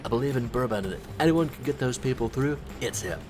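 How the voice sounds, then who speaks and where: A man's voice: medium pitch, lively intonation, fast, lightly acted. A man voicing a brave young frat-bro soldier, reading his farewell note in character. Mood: resigned. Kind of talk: in-game lore note read aloud. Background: game music.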